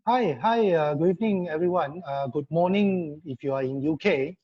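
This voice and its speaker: A man introduces a guest on a live online panel, his voice sitting a little high. He hesitates often, filling gaps with fillers and restarts. The video call audio is dull and lo-fi. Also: moderate pace. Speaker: panel speaker, law association member.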